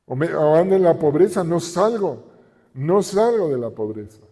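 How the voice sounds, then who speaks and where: A man's voice: a little high, animated, moderate pace, dark tone. A middle-aged man with a Mexican Spanish accent, preaching a sermon with emphatic repetition and rhetorical questions. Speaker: pastor. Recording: reverberant hall.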